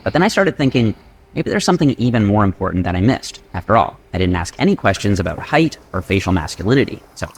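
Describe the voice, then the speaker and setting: A man narrating a scripted fitness explainer in a measured, data-driven way. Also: lowish voice, very animated, husky.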